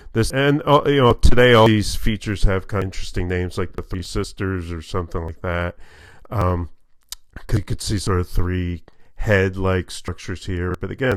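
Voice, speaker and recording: A man lecturing casually online, relaxed and rambling, with many fillers and restarts. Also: on the low side, gravelly, dry recording. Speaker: university lecturer.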